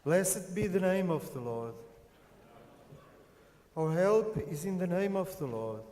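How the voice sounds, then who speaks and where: A man leading the closing prayer and blessing as a priest, with a slow, solemn intoning manner, in cathedral echo. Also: high voice, expressive, a little mellow. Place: large church. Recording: echoey church with long reverb.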